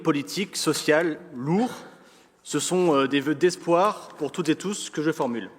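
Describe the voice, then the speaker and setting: A man with a French accent from France reads a formal political speech as an elected councillor, in a measured, rhetorical manner with deliberate pauses. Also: on the high side. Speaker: elected local councillor giving an opening speech. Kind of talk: formal political speech read from prepared text. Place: large council chamber. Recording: reverberant hall sound.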